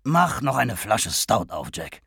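A man's voice: on the low side, big pitch swings, slow, gravelly, fairly bright tone, husky, dry recording, clean studio sound, heavily acted. A man voicing a hearty, blustering Irish canvasser who swears and talks with emphasis.

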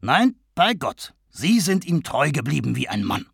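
A man's voice: fairly high pitch, very animated, a little slow, vocal fry, breathy edge, no room sound, studio quality, pitched above the performer's own voice, heavily acted. A man voicing a hearty, blustering Irish canvasser who swears and talks with emphasis.

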